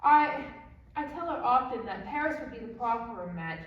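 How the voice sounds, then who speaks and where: A teenage girl plays a fussy old nurse who drags out her complaints and teases, her high voice carried from a distant stage into a big echoing hall that rings long after each line. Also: lively intonation, dull audio, lightly acted. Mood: chatty. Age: teens. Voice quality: teasing, drawn-out complaining delivery. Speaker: student actor. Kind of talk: school stage play. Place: school auditorium stage. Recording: echoey hall, distant mic.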